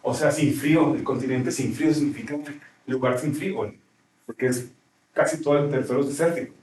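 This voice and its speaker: A man's voice: mid-range voice, fast, a little mellow. A male teacher explaining grammar in a classroom, often checking with his students as he goes. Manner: explanatory, asks frequent checking questions. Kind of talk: classroom lecture. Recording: roomy classroom, mic far off.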